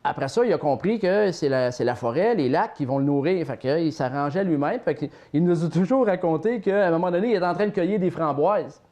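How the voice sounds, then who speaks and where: A man speaking with a Québécois accent shares family tales as a guest in a relaxed interview. His voice sits a little high, and his delivery is lively and anecdotal, with a playful storyteller's touch. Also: quick pace, hardly any pauses. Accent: Québécois French. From Saint-Tite, Mauricie, Quebec.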